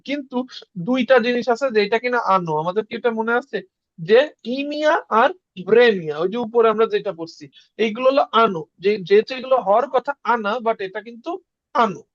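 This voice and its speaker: A man teaching a casual beginner lesson, repeating words slowly for learners. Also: very high voice, lively intonation, no room sound, muffled recording. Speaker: Russian language teacher.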